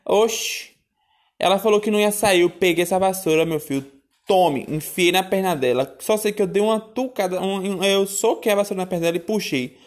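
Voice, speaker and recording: A woman telling a childhood story in a casual, animated, exclamatory way. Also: mid-range voice, fairly quick. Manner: animated, exclamatory, addresses listeners as "minha filha".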